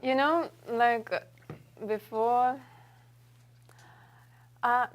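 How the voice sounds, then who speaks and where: A woman's voice: a little high, steady tone, extremely slow. Young woman with a Russian accent. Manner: friendly, hesitant with fillers, laughs easily. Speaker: talk show guest. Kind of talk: casual interview chat.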